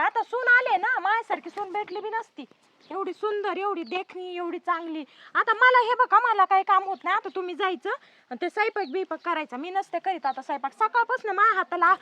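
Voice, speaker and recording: A woman's voice: brisk, bright, forceful tone. An actress playing a cruel, greedy young daughter-in-law who nags and insults her mother-in-law. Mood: scolding. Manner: shrill, nagging, insulting. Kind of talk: village family drama acting.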